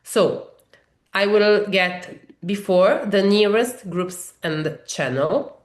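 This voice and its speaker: Drawing out her words, an Italian-accented woman trainer from Italy guides a webinar through a software demo, explaining each step amid frequent fillers and restarts. As a native Italian speaker, she talks at medium pitch in an echoey room.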